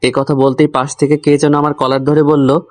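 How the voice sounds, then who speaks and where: With music playing beneath him, a man tells a comic love story from his own point of view, grumbling and addressing the listener directly. His voice is fairly high and a little mellow, with a level tone at normal speed.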